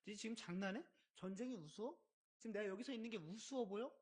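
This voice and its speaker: A man's voice: high-pitched, fast. A man voicing an irritated older brother who mocks his younger sibling in a sermon retelling. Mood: scolding.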